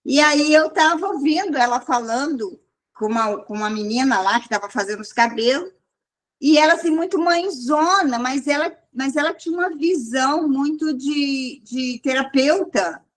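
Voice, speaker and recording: Speaking at a normal speed in a high voice, this group leader gives her church group a loose, meandering testimony. She keeps starting over and lifts her voice whenever she quotes someone.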